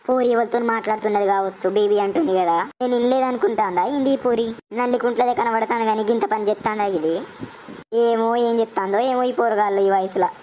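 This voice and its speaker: A woman's voice: on the high side, fairly even intonation, fast, mellow, a little hiss or hum, natural voice, low-quality recording. A woman voicing a gossiping middle-aged village mother-in-law, who scolds and nags. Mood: suspicious. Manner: scolding, suspicious nagging.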